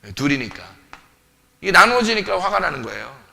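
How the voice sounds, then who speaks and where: A man's voice: on the high side, very animated, brisk, vocal fry, pushed and bright. A man preaching a sermon as pastor, emphatic, repeating short phrases and asking the congregation questions, recorded in a church. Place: church sanctuary.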